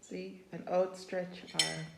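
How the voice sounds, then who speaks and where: A woman vlogger chatting casually on a home cooking vlog, relaxed and talking between bites. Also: fairly low pitch, slow, creaky, reverberant, very noisy. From Jamaica. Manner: relaxed, chatty, speaks with mouth full.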